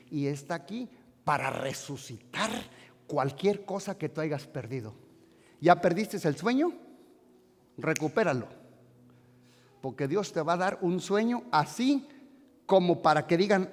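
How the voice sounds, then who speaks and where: A male pastor preaching a fervent sermon in a church, swinging between shouts and hushed storytelling. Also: fairly high pitch, lively intonation, unhurried, pauses often, in a large hall.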